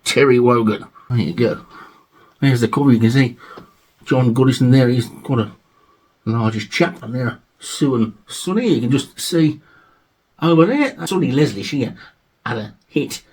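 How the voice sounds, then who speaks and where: A man's voice: mid-range voice, lively intonation, moderate pace, long pauses, darkish tone, slightly rough. A man from England hosting a video about his record collection, chatting casually with jokey asides and reading liner notes aloud. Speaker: vinyl collection video host.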